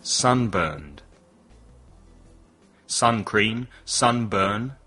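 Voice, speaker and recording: A male podcast host teaching English vocabulary in slow, carefully spaced drills. His voice is slightly low and husky yet bright in tone, and faint music sits underneath. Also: lively intonation. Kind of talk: bilingual language lesson podcast.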